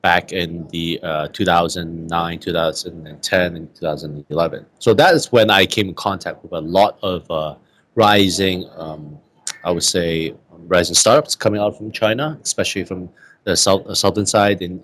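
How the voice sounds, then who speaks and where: Low-voiced man, halting answers. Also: fairly bright tone. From Hong Kong and the San Francisco Bay Area. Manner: halting, many uh fillers and repeats. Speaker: venture capital guest. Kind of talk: interview answers.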